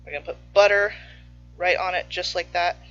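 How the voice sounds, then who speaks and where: Playful woman host, chatty kitchen banter, bright voice, slightly dull recording with faint music. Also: fairly low pitch, steady tone, fairly quick. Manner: chatty and playful, talks with her mouth full. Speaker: baking show host. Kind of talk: casual cooking stream. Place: home kitchen.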